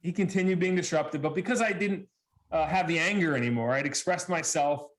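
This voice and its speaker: A man with a somewhat high voice gives a presentation to parents. He tells lively stories, acts out what people said and laughs often as he goes. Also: fairly quick. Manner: animated storyteller, acts out quotes, laughs often. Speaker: speaker. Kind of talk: storytelling presentation.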